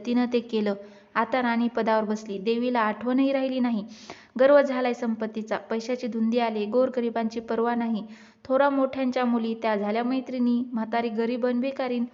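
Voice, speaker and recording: A woman's voice: fairly high pitch, level tone, moderate pace, a little mellow, lo-fi sound, lightly acted. A woman voicing an indignant, scolding old beggar woman who is a goddess in disguise, read in a storybook tale.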